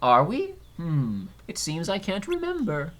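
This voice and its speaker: A man voicing a gentle, forgetful toy bear, courteous and musing, from a children's storybook game. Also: a little high, wildly swooping pitch, a little slow, voice pushed up, full character voice. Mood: puzzled.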